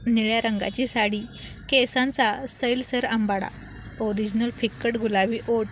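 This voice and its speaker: A woman narrating a romantic story and voicing its dialogue with lively emphasis. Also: fairly high pitch, unhurried, slight background noise. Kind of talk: scripted story narration with character voices.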